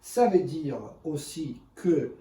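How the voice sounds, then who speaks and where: A man in gives an unscripted product demonstration in halting, self-correcting, speech. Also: fairly high pitch, animated, mellow. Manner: halting non-native French with self-corrections. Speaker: ice cream machine presenter. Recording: echoey room, distant mic, faint noise.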